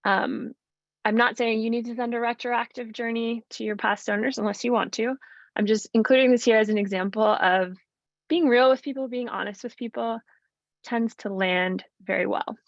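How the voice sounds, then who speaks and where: A woman leads an online training session in a relaxed, chatty way, often filling pauses with ums. Her voice has a gravelly, fry-tinged edge and sits close and dry. The sound is dull and lo-fi, like audio from a video call. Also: fairly high pitch, no room sound. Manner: friendly, conversational, frequent ums. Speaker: nonprofit fundraising trainer. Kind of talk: webinar presentation.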